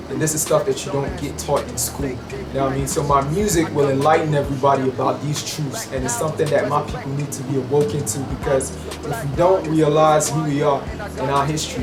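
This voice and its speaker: Man, musician, emphatic and preachy, interview talk, roomy echo, clear music underneath. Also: mid-range voice. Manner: emphatic, preachy, says "you know what I mean" often. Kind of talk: interview monologue.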